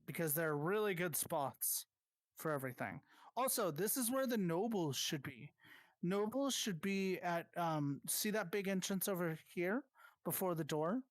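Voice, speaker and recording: Game master type, mid-pitched voice, close and dry sound, quick instructions with lots of restarts. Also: animated, no room sound. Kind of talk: casual voice chat running an online roleplay.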